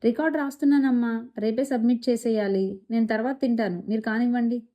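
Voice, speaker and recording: A woman's voice: on the high side, fairly even intonation, fast talker, warm tone, lightly acted. A woman voicing a brash, moody teenage boy who speaks curtly and pushily. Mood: offhand. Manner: curt, pushy.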